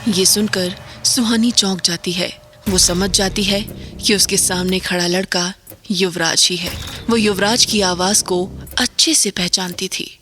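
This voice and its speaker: Narrating horror in a calm, deliberate way, a woman with a medium-pitched voice slowly heightens the tension line after line. Background music accompanies her from start to finish.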